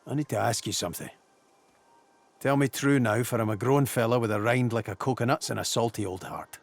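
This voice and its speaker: An actor playing a gruff, salty old dwarf sailor in a video game, frank and plain-spoken with a soft heart. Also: male voice, mid-range voice, brisk, soft background music. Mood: frank, earnest.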